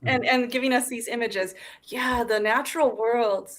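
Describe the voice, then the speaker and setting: A woman from Colorado hosting an interview in a relaxed, chatty way. She keeps the talk moving with frequent small words of agreement and friendly follow-up questions. Her voice sits a little higher than most women's. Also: normal speed. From Colorado, United States. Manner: warmly affirming, chatty, lots of agreement sounds. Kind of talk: casual interview conversation.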